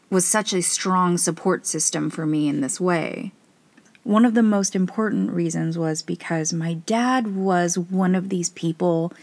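A woman's voice: on the low side, darkish tone, no room sound. A woman in her thirties hosting a casual solo podcast, chatty, informal and self-deprecating, recording inside a small closet. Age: 30s. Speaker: podcast host. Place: small clothes closet in a studio apartment.

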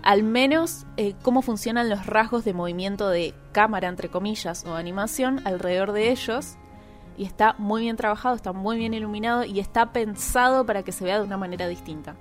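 A woman's voice: medium pitch, a little fast, soft background music. A woman, co-hosting a podcast and explaining film animation details in casual chat. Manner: explanatory, analytical about animation. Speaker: podcast co-host.

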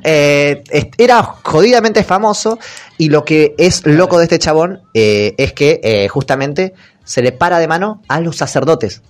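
A man's voice: on the high side, animated, unhurried. A young man with an Argentine Spanish accent, hosting a podcast and retelling a story in a jokey, slangy way, breaking into put-on character voices. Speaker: podcast host. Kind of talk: comic casual retelling.

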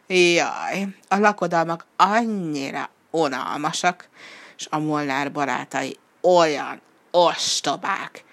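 A woman voicing a vain, snobbish storybook fox who speaks in a measured, bored drawl. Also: sits low.

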